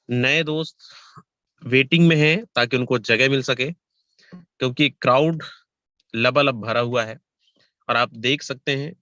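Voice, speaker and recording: A man's voice: mid-range voice, bright, forceful tone, no echo. A man hosting an online webinar, urgently urging viewers to stay and listen. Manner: urgent, pleading, repeats instructions. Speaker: webinar host. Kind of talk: introducing a webinar. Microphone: video call. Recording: dry lo-fi video call audio.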